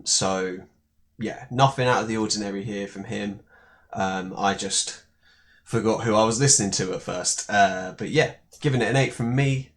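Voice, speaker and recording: A young man talks through a track he is reacting to, in a relaxed, rambling way full of fillers. His voice sits on the low side. It sounds like casual commentary. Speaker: music reaction YouTuber.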